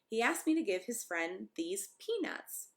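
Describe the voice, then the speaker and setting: A woman's voice: fairly high pitch, big pitch swings, unhurried, gravelly, exaggerated voice. A woman voicing a big, friendly, childlike bird from a storybook in an eager, emphatic manner. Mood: earnest.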